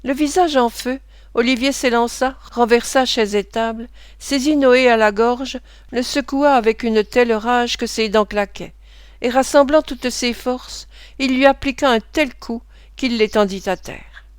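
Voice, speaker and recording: A woman reads a classic novel aloud in a steady, measured audiobook style. Her voice is crisp and a little high, recorded dry and close. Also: dry recording. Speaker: reader.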